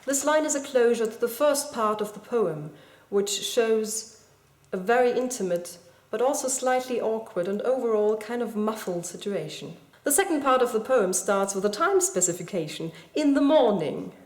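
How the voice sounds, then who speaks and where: A woman calmly walking through a close reading of a poem, in a measured, explanatory way. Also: mid-range voice. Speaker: video blogger explaining a poem. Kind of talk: scripted literary analysis. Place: school building indoors. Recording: echoey room.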